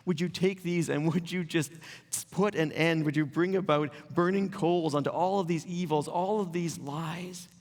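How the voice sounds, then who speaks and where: A man's voice: a little high, fairly even intonation, a little mellow. Earnest man preaching in a reverberant church. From Canada. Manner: earnest, emotional preaching with choked-up pauses. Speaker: pastor. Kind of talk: sermon. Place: church sanctuary.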